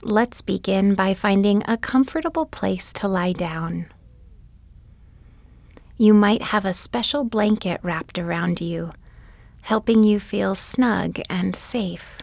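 A woman guiding a bedtime body-scan meditation, speaking softly and gently, often in a whisper. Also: mid-range voice, creaky, no echo. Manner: soft, often whispered delivery; gentle, soothing and unhurried. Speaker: meditation guide.

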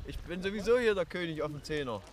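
A man doing a bratty fifteen-year-old boy, high-voiced and whiny, who keeps talking back. It is played for laughs in a comedy sketch. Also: expressive, fast talker, close to an everyday voice. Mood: cheeky. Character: cheeky fifteen-year-old boy causing trouble at a pool.

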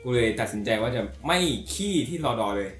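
Fast-talking young man with crude jokes. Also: mid-range voice, animated. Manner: brash, crude humor. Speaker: podcast co-host. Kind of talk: casual chat. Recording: echoey room with faint music.

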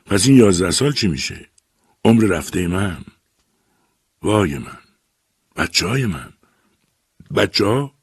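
A man's voice: sits low, sing-song, long pauses, slightly rough, dry recording, studio quality, full character voice. A man voicing a bitter, weary father abandoned by his wife, speaking in a brooding lament in an audiobook story.

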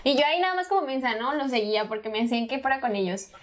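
High-voiced Mexican woman, chatty. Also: very fast. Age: young adult. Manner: lively storyteller, slangy and teasing. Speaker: podcast co-host. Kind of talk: casual chat.

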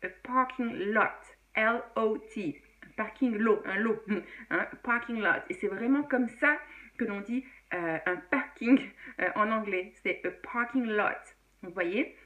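A woman's voice: medium pitch, slow, bright, forceful tone. A woman teaching English in a casual video lesson, chatty with many fillers and frequent laughs.

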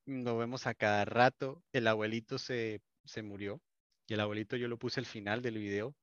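Colombian man, low voice, videographer guest, chatty storyteller, dry muffled sound. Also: steady tone, moderate pace, no room sound. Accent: Colombian Spanish. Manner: warm storytelling, many restarts. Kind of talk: casual interview chat.

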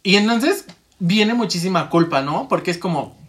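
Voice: mid-range voice, animated, normal speed, a bit bright, a little hiss or hum. A speaker in a casual chat, rambling and acting out their own inner monologue. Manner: rambling, acts out inner monologue, laughs often.

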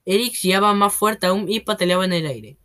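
A narrator reads a children's novel aloud in a steady storytelling manner, the voice sitting at a plain middle pitch. It drops lower on each speech tag. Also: a little fast.

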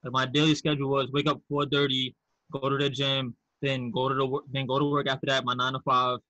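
A man's voice: mid-range voice, level tone, brisk, pushed and bright, dry recording, dull audio. A man from Queens, New York with a Queens accent, talking candidly and casually as a podcast guest. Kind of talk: casual conversational interview.

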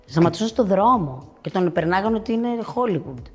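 A middle-aged woman, a guest in a casual talk-show chat, telling her story with laughter and lively turns. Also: lowish voice, soft background music.

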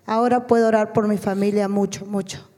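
Woman, church testimony, earnest, emotional, mellow tone, long hall reverb. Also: mid-range voice, little pitch movement, fairly quick. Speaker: mission trip member giving testimony.

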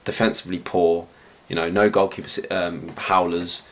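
Croaky, tired low-voiced Englishman. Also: little pitch movement. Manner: rambling, halting, lots of fillers. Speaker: podcast host. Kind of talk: casual football chat.

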